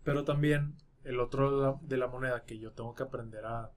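A man's voice: medium pitch, fairly even intonation, a little fast, a little hiss or hum. A man in a casual, slangy podcast chat, swearing freely.

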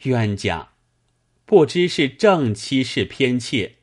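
A man's voice: mid-range voice, very animated, takes it slowly, voice pushed up. A man voicing a lovestruck, hot-tempered young male scholar who speaks in an anguished, demanding way. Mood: distraught.

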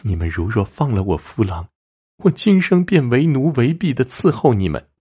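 A man voicing a terrified young woman who pleads in a high, tearful voice in a spoken story. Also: sing-song, normal speed, warm tone, husky. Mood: pleading.

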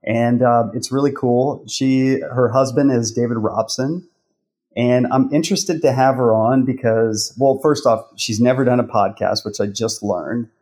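A man hosting a conversational podcast in an informal, halting way, repeating words as he goes. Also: mid-range voice, a little mellow. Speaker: podcast host.

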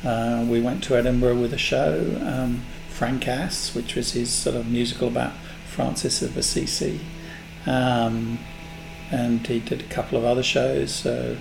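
A man in his sixties from England, a guest in an interview, telling unhurried stories about his past. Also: mid-range voice, fairly even intonation, gravelly, darkish tone. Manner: unhurried, anecdotal storyteller. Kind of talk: reminiscing in a casual interview. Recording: echoey room with faint noise.

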